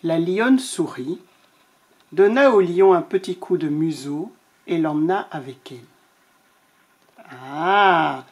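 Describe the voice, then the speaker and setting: Woman storyteller, children's picture book, slow and playful. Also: fairly low pitch. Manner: playful and expressive, with asides.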